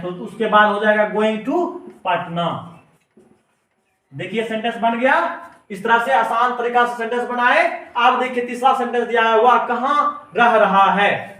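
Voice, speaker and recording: High-voiced male teacher in echoey room. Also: bright, forceful tone. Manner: slow, repeats each word while writing. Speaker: English teacher. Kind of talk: step-by-step grammar lesson. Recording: echoey room, mic at a distance.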